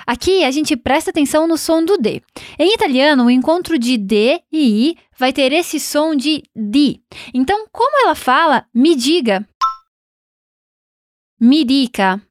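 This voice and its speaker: A woman teaching a recorded language lesson. She encourages the learner and slowly models pronunciation for them to repeat. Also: sits high, animated, no echo, clean studio sound.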